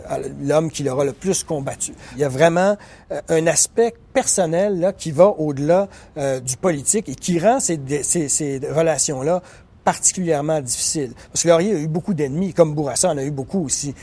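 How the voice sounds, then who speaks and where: A journalist and biographer from Quebec, Canada, gives a thoughtful explanation in a recorded interview. His mellow, husky voice sits on the high side, and he talks a little fast but hesitantly, with many fillers and restarts.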